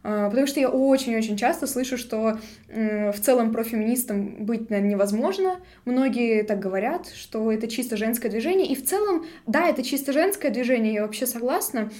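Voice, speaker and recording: An eighteen-year-old woman hosting a podcast in casual chat, talking in a chatty, halting way full of fillers. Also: on the high side, animated, mellow. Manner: chatty, hesitant with many fillers. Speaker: podcast host.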